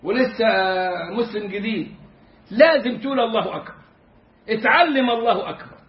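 A man with a strikingly high voice and an Egyptian accent gives a religious lesson with humor. He drags words out slowly to model how they should sound. The recording is echoey and a little dull. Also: animated. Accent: Egyptian Arabic. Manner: humorous, demonstrative, drawing out words to teach pronunciation. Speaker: Islamic jurisprudence teacher.

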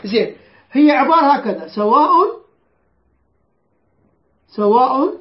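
A man's voice: extremely high pitch, big pitch swings, slow pace, a little hiss or hum. A man leads a Quran recitation lesson, drilling rules and calling on students to answer back. He repeats each point patiently. The recording is dull and lo-fi, with a roomy echo. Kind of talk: tajweed lesson with call-and-response drills.

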